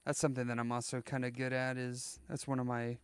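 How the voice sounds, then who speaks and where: A man's voice: mid-range voice, level tone, fast, clean tone, no room sound. A man chatting casually while live-streaming a game, rambling and joking as he thinks aloud, often restarting his sentences.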